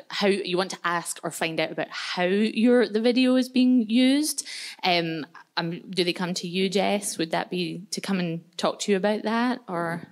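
A lower-voiced Scottish woman opens a workshop with chatty, self-deprecating talk full of fillers. She speaks into a handheld microphone in a large community hall, sounding like a relaxed presenter in her thirties. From Scotland. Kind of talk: casual workshop introduction.

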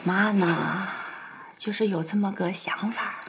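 An actress with a Northeastern Mandarin accent playing a determined village mother, firm with her husband and gentle with her son. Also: medium pitch, slow, vocal fry, heavy background noise. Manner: firm, gently coaxing, with sharp digs. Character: determined village mother leaving to work in the city.

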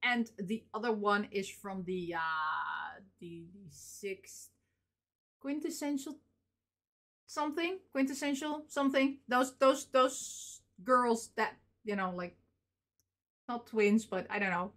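A woman's voice: a little high, takes it slowly, a bit bright. Chatty woman rambling through an unboxing. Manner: chatty, rambling, frequent fillers and small laughs. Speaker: vlogger showing convention purchases. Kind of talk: casual unboxing chat.

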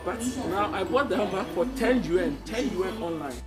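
A young man strolls through a big indoor supermarket, talking to viewers in a chatty vlog. He is recorded on a handheld phone as he walks. Loud music plays behind his voice throughout. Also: high-pitched, lively intonation, moderate pace. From Ghana. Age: young adult. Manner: chatty, addresses viewers directly, frequent restarts. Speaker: vlogger. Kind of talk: casual vlog walkthrough. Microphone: handheld phone camera, walking.

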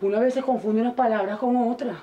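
A woman's voice: a little high, fairly even intonation, fast talker, mellow, lightly acted. An actress with a Venezuelan accent playing a worried mother who pleads hesitantly and stalls with repeated words, in a telenovela. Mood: anxious, pleading. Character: worried mother urging caution about gossip. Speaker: mother of Clara. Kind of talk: telenovela acting.

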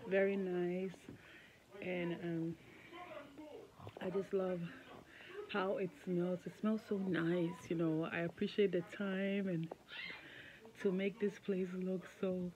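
Slow-talking woman vlogging on her phone. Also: on the low side, little pitch movement, crowd noise. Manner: chatty, rambling with many fillers. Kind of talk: casual travel vlog. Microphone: phone at arm's length. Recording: dull lo-fi phone audio with background noise.

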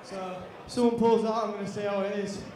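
A man's voice: sits high, level tone, quick pace, a little mellow. A young man, an MMA fighter giving a casual post-fight interview. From Yorkshire, England. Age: young adult. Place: large indoor cage-fight venue. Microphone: handheld. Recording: echoey hall PA, distant, noisy crowd.

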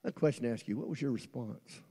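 A middle-aged male pastor preaching a folksy sermon, swinging from quiet asides to shouting, recorded in a church. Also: mid-range voice, quick pace, slightly rough. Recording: long church reverb.

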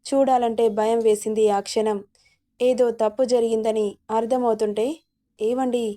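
A woman reads a serialized story aloud at a steady pace. Her voice sits slightly high with a mellow, soft tone. The delivery stays flat and even, with little rise and fall. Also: normal speed.

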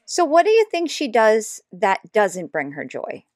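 A woman's voice: mid-range voice, big pitch swings, measured pace, a little mellow, no echo. Woman commentator, sarcastic reaction host, dry close sound. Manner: sarcastic, mocking asides. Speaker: YouTube commentator.

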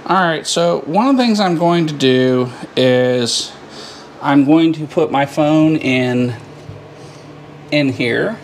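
A man's voice: a little high, takes it slowly, slight background noise. A man talking to the camera while working in a cramped attic, short of breath and muttering in bursts. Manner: talks in bursts between physical work, muttering frustration. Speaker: home DIY vlogger. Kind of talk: casual narration while working.

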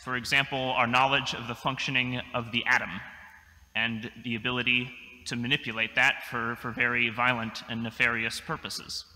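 A young adult man, a priest, gives a measured, thoughtful sermon from a church pulpit, with dry little asides. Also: mid-range voice, flat delivery, bright, forceful tone. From United States. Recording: long church reverb.

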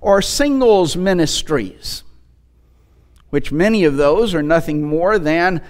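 A man in his sixties preaches a sermon from a church pulpit through a headset microphone, his fairly high, resonant voice clear, slow and animated. He speaks emphatically, using rhetorical questions and repetition.

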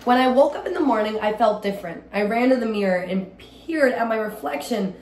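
A young adult woman with a highish, darkish voice reads a children's story expressively and a little fast. She's recorded at home in a small room, a short distance from the mic, so there's roomy echo and light background noise.

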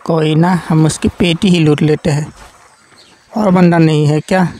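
A man giving casual, excitable gameplay commentary, swearing and yelling at his teammates as he plays. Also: fairly high pitch, a little slow, slight background noise, poor audio. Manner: excitable, swears and yells at teammates mid-game. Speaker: gaming commentator.

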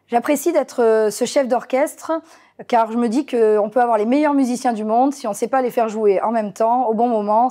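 A woman's voice: on the high side, dark tone. A woman, an agency director speaking in a composed, articulate way in a corporate interview.

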